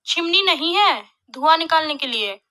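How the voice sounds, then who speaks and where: A woman voicing a spoiled young city daughter-in-law who talks in a high, fussy, whiny way. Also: animated, normal speed, pushed and bright, exaggerated voice.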